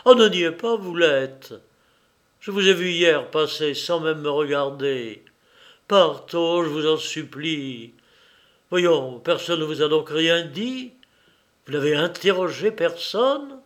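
A man's voice: on the high side, lively intonation, slow. A man voicing a frail young man who urgently begs his teacher to leave, in a raised, imploring voice. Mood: pleading.

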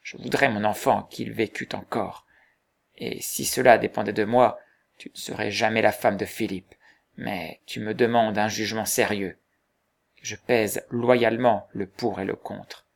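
Man playing a gruff older man, gravelly voice, blunt and probing, storybook reading. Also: fairly low pitch, fairly even intonation, measured pace.

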